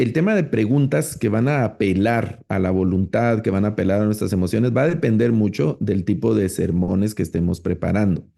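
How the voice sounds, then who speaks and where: A middle-aged man, giving a relaxed, conversational online lecture on preaching with frequent rhetorical tags. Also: lowish voice, creaky. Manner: relaxed, explanatory, with many fillers and rhetorical tags. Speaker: preaching course instructor.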